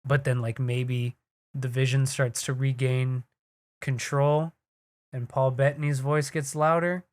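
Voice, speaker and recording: A young man co-hosting a casual podcast, excitable and swearing freely as he talks in quick bursts. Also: medium pitch, dry recording. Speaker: podcast co-host. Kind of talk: casual chat. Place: home studio. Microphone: desk mic on a live stream.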